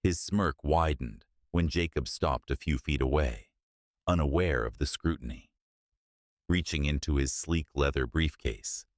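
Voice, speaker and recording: A man narrating a scripted story in a steady, measured way. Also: rumbling low, dry recording, studio quality.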